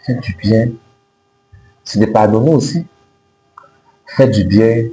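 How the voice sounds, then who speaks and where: Guy with in giving life advice, slow and mellow, echoey room w faint hum. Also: fairly low pitch. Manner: emphatic, repetitive, didactic. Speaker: self-help video host. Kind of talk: motivational advice to camera. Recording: roomy echo with faint noise and hum.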